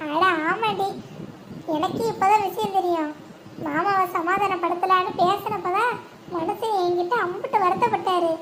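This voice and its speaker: A woman voicing a worried young village wife in a cartoon, talking in a hushed, confiding way. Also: extremely high pitch, moderate pace. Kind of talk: cartoon voice acting. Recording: steady background noise.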